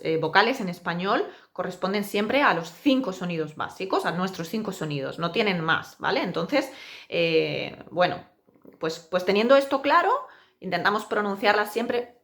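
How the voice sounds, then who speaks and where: A woman teacher giving a pronunciation lesson, saying example words slowly and with exaggerated care. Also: mid-range voice, fairly bright tone. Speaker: Spanish teacher.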